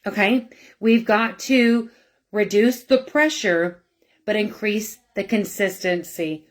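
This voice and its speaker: A middle-aged woman in a nurse and wellness coach role talks through everyday health advice at a medium pitch. She is chatty and informal, and she keeps checking in with her listeners with a quick "okay?" or "right?". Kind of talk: casual health advice talk.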